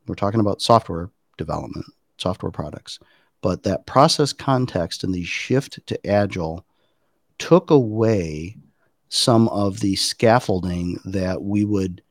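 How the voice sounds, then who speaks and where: Low-voiced middle-aged guy on a podcast, explaining stuff, lots of uhs, dry sound. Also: expressive, unhurried, no echo. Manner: thoughtful, explanatory, loose with fillers and restarts. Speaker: podcast guest, design practitioner. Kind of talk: casual conversational podcast.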